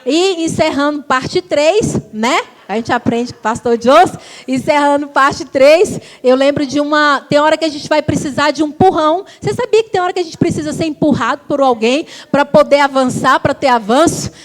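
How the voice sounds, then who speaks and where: High-voiced woman preaching animated stories. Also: normal speed. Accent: Brazilian Portuguese. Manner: animated storytelling, acting out quoted voices. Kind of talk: sermon with personal anecdotes. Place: church.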